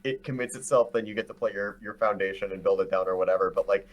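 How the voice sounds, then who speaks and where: A man's voice: on the low side, fast talker. A man co-hosting a casual podcast, talking eagerly and often restarting his phrases. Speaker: podcast co-host. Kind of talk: casual podcast chat about a card game.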